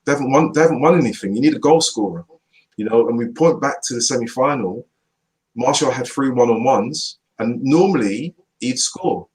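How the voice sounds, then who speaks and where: A man giving forceful, opinionated football punditry in a casual chat, repeating his points slowly for emphasis. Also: medium pitch, animated, poor audio. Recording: online video chat, voice only.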